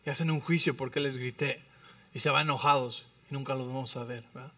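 A male pastor preaching a sermon, animated, swinging between loud emphatic phrases and quiet low ones, often checking in with the listeners. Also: brisk, far from the mic. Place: church.

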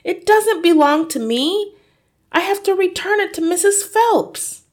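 A woman voicing a polite, clever little girl in a storybook reading, speaking pleasantly and high. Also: animated, a little slow, darkish tone, breathy edge, heavily acted. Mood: pleading. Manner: pleasant, sweet.

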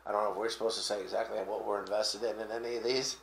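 A man's voice: lowish voice, flat delivery, rapid-fire, gravelly, reverberant, crowd noise. A man hosting a casual talk show, explaining crypto tokens in a rambling way with lots of fillers and restarts. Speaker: podcast host.

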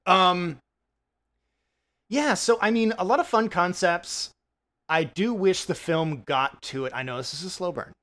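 Male podcast co-host, casual rambling film chat, slightly higher pitch, loose delivery. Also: measured pace, fairly bright tone. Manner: rambling, many fillers and restarts, swears casually.

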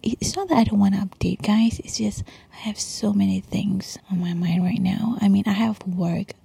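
A Malaysian woman speaks in a very breathy, whispery hush with a crackly edge. She chats casually like a late-night podcaster confiding in listeners, slipping in Malay slang. The sound is close and dry. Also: medium pitch, normal speed, no room sound. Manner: hushed, chatty, peppered with Malay slang and "lah". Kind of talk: casual confessional monologue, mostly whispered. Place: quiet bedroom at home at night.

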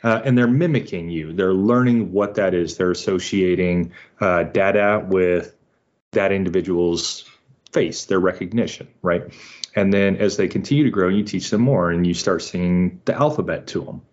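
Deep-voiced father explaining step by step. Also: normal speed, a little mellow. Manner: methodical, lots of "uh" and "right?". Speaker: homeschooling father, interview guest. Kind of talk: explaining in an interview. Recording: muffled lo-fi audio.

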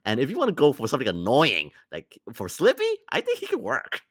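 A man's voice: mid-range voice, huge pitch swings, brisk, slightly rough. A man co-hosting a podcast in casual chat, a bit hesitant as he builds up to his opinions. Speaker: podcast co-host.

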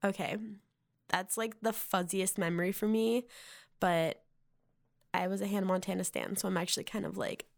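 A woman's voice: mid-range voice, steady tone, normal speed, gravelly, pauses often. A young woman in her twenties with a Valley Girl accent, hosting a casual solo podcast, rambling and filling her talk with "like". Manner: rambling, heavy use of "like" fillers. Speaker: podcast host.

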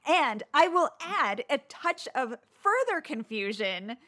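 A woman's voice: sits high, very animated, takes it slowly, pushed and bright. A woman co-hosting a podcast, chatting casually about a TV show with rambling, self-deprecating asides. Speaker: podcast co-host.

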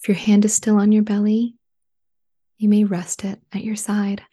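A woman leading a guided relaxation in a soft, soothing spa whisper, hushed, breathy and gentle. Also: mid-range voice, monotone, moderate pace.

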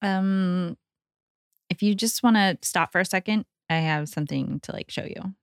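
A woman's voice: on the low side, moderate pace, clear, resonant tone, no echo, studio quality. A woman bantering in a tabletop role-play game, rambling and filling her talk with "like". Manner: rambling, filler-heavy "like" talk. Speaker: tabletop player. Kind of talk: casual in-character banter.

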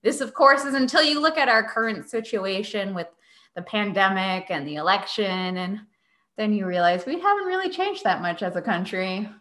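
A woman's voice: mid-range voice, lively intonation, normal speed, fairly bright tone, reverberant. A woman hosting a casual science podcast, explaining things in a chatty, sarcastic way. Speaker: podcast host.

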